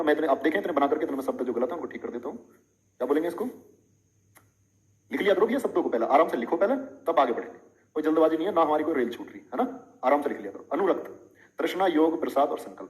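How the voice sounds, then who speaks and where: Middle-aged guy teaching a live class, chatty and playful, voice sits a bit high. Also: rough recording. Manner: chatty, explains with playful examples and questions. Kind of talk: live online Hindi lesson.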